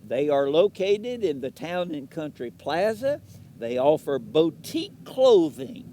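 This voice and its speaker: A folksy man with a mellow, rounded voice that sits a little high, reading out holiday sponsor greetings live. He chats easily and laughs between the lines. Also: very animated, unhurried, slight background noise. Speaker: parade broadcast announcer.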